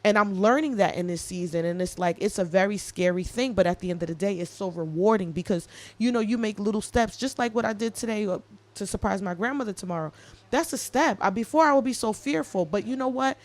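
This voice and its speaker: A woman in her late thirties co-hosting a podcast, talking in a casual, animated, jokey and heartfelt way. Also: mid-range voice, a little fast. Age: 30s. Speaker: podcast co-host. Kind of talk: casual chat.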